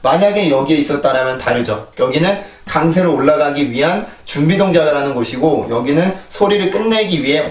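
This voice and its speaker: A man teaching English pronunciation in a lecture, explaining sounds and repeating them in drills, often checking in with his listeners. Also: a little high. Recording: echoey room, voice a bit distant from mic.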